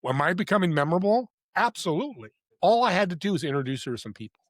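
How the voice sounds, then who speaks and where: A man, a podcast guest who also hosts a podcast, telling motivational stories in an animated, heartfelt way that drops from loud emphasis to hushed quiet. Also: high-pitched, fast talker, no echo, clean studio sound. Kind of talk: earnest motivational storytelling.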